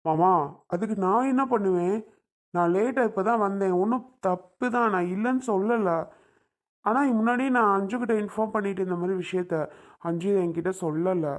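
A performer plays a young husband pushing back against blame, pleading and defensive. His voice is at a middle pitch in a family drama skit. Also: normal speed, lightly acted.

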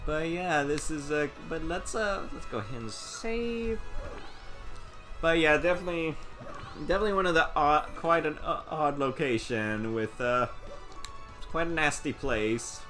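A man's voice: on the high side, animated, a little slow, fairly bright tone, soft background music. A man casually commenting while streaming a game, rambling with lots of restarts. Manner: rambling, many fillers and restarts. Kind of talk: casual let's-play commentary.

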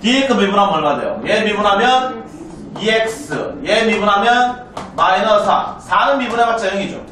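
Lecturing a class on math, a South Korean man uses a high voice that sounds pushed and bright, and he constantly asks students check questions in a brisk, chatty way. A distant mic in a roomy classroom captures a little hiss or hum.

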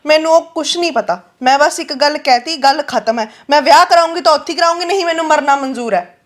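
A woman's voice: sits high, fast, natural voice. An actress playing a stubborn young woman who defies her family about her marriage. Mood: defiant. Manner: defiant, insistent. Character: stubborn young daughter, defiant and tearful. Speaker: daughter. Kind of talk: rural Punjabi web drama acting.

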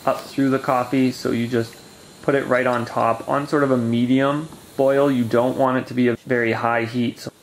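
A man's voice: mid-range voice, flat delivery, moderate pace, slight background noise. A man casually explaining how to make camp coffee, talking step by step at a picnic table in a forest. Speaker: camping gear reviewer.

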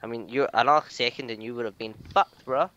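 A man talks through his game in casual commentary, excitable and quick to swear and tease. His voice is smooth and resonant, captured on a dull, lo-fi mic. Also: mid-range voice. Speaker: gamer.

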